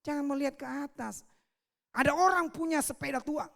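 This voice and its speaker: A man's voice: extremely high pitch, moderate pace, vocal fry, a bit bright. A man, preaching a sermon as an evangelist at a church service, emphatic and repetitive, often calling out to the congregation. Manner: emphatic, repeats phrases, often calls out to the congregation.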